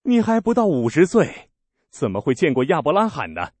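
A man voicing an indignant crowd of accusing men, with scornful, shrill outbursts. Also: wildly swooping pitch, moderate pace, a little mellow, husky, no room sound, full character voice.

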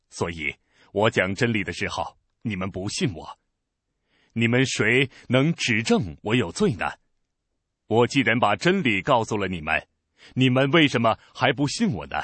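Earnest, firm male teacher, read by a man with lively, solemn delivery. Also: lowish voice, breathy edge, no room sound, heavily acted. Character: calm, authoritative male teacher.

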